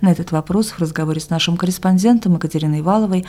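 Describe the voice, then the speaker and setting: A woman presenter reading a scripted news introduction in an even, read-out delivery. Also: lowish voice, racing.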